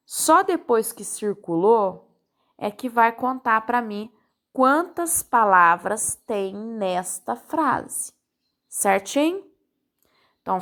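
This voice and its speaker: Slow, patient woman teacher with a Brazilian accent. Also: a little high, fairly bright tone. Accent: Brazilian Portuguese. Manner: patient, step-by-step, checking in with "tá?". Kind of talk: recorded lesson for parents.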